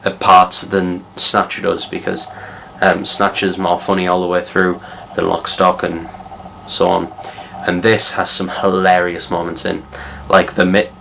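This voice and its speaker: Deep-voiced young man, rambling. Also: monotone, measured pace, vocal fry, hardly any pauses, sharp tone, slight background noise. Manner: rambling, many fillers and restarts. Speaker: film reviewer. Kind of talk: casual spoken movie review.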